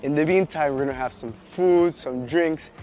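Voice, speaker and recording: A man's voice: fairly high pitch, normal speed, darkish tone, soft background music. A man hosting a travel podcast, chatting and asking short questions while walking through a city's old town. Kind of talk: casual street interview. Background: city noise and traffic.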